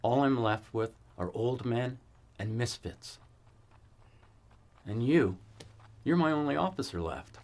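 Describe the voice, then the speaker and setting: An actor playing a weary cavalry fort commander in a western film, giving measured, authoritative orders. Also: male voice, medium pitch, expressive, darkish tone. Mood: stern. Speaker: army post commander.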